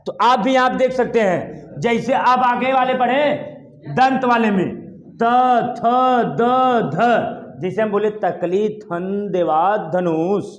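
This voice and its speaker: A man teaching a Hindi exam-prep lesson at a board, lively, asking his students questions over and over. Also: high-pitched, echoey room, dull audio. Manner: lively, repeats questions to students, calls them "dear child". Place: classroom with a board.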